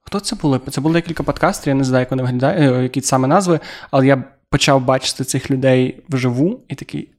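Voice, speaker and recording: A man's voice: mid-range voice, quick pace, darkish tone. A young man with a Ukrainian accent co-hosting a casual podcast chat, joking and self-deprecating. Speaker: podcast co-host.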